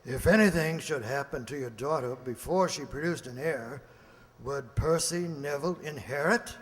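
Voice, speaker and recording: An actor playing a blunt, slightly testy gentleman doctor and sidekick in a radio play. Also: a little high, moderate pace, natural voice. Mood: inquiring. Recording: noisy, echoey hall recording.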